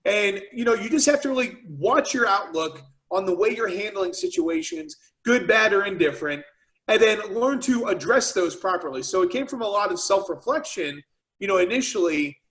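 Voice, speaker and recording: A man who founded a business, speaking as a guest on a video call with energetic, casual motivational talk full of "you know" and "right". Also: high voice, moderate pace, low-quality recording.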